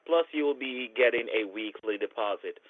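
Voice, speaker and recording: Smooth fast-talking man on a landline phone. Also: slight background noise. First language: not English. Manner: fast-talking, well-spoken sales pitch. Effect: over a landline phone. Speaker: scam caller. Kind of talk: scripted phone pitch. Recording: tinny phone line.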